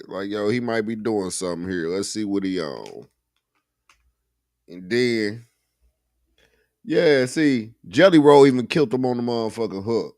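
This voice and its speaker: A man's voice: fairly low pitch, a little mellow, dry recording, studio quality. A man hosting a casual reaction show, drawling and wry as he comments on clips and swears freely.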